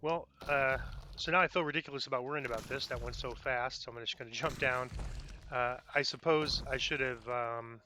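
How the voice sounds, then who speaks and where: Male gamer, casual play-by-play, mid-pitched and bright, self-deprecating, thinks aloud. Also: steady tone, a little fast, a little hiss or hum. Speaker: gamer narrating own gameplay. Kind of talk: casual game commentary.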